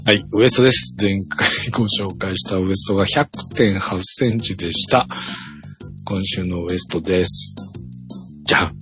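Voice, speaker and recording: Low-voiced man reporting his weigh-in. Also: normal speed, a bit bright, faint music behind. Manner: reads out numbers with little drumroll cues, laughs at himself. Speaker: podcast co-host reporting his diet results. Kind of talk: casual chat.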